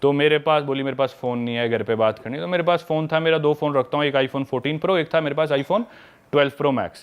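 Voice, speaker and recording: A man's voice: on the high side, fairly quick, clear, resonant tone, muffled recording. A young man telling a travel story in casual chat, acting out the people he quotes. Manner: animated, acts out quoted people. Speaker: guest traveler.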